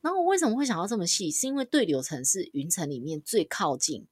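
A woman tells a personal story on a podcast, relaxed and animated. Her voice sits low and a little husky, and her pitch swings widely as she acts out her own quoted lines. The sound is dry and close. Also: fast talker, no echo. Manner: animated, swears casually, quotes herself in dialogue. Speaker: podcast co-host. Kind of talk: casual storytelling chat.

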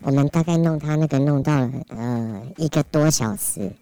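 A woman's voice: low-pitched, normal speed, mellow, clean tone, no echo. A woman guest on a podcast, telling plain stories about difficult customers. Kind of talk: casual anecdote.

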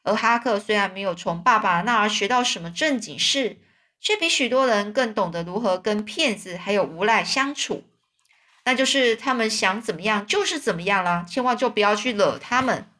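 A woman's voice: medium pitch, lively intonation, moderate pace, bright, forceful tone. A woman retelling a children's story, explaining words as she goes, with frequent restarts and fillers.

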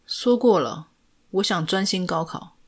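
Retold film scene: woman reading as a scared teen schoolgirl, tense and a bit quick. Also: fairly low pitch. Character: frightened teenage schoolgirl facing police.

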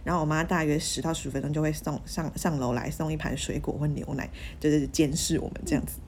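A young woman, telling frank, animated stories in a casual podcast chat. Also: sits low, quick pace, slight background noise.

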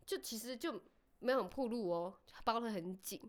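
A woman's voice: on the high side, normal speed. A young woman, co-hosting a casual chat and recounting a personal story in an earnest, hesitant way full of fillers. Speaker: co-host.

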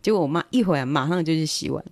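A woman's voice: low voice, rapid-fire, darkish tone, no room sound. A middle-aged woman with a Taiwanese Mandarin accent, hosting a livestream and chatting casually about her family, acting out her parents' words as she goes. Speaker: livestream host. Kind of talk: casual storytelling.

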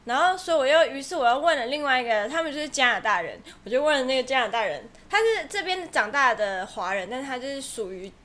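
High-pitched young woman, animated storyteller cohosting a chat. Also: fast, few pauses. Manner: animated storytelling, acts out quoted people. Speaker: co-host. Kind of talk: casual chat.

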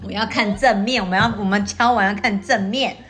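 A woman with a Taiwanese accent telling personal stories in a casual, animated chat, often repeating phrases for emphasis. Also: medium pitch, fairly quick. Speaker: podcast co-host. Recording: music behind the voice.

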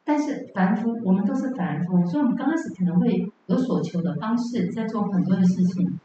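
Telling stories and asking her audience rhetorical questions, a woman dharma teacher lectures on Buddhism in a hall. She speaks fairly quickly with lively intonation at medium pitch; the audio is dull, echoey, far off, and the background is noisy.

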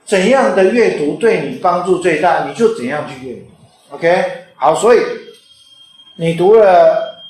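A man's voice: high-pitched, lively intonation, moderate pace. A man who is an author and teacher, giving an informal lecture in a conversational way and often checking in with the listeners. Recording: very echoey room.

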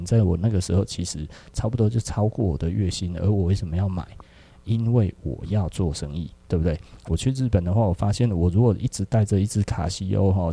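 A man's voice: sits low, mellow, husky, dry recording. A middle-aged man with a Taiwanese Mandarin accent, hosting a podcast in chatty monologue and tagging his points with rhetorical questions. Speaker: podcast host, clothing shop owner.

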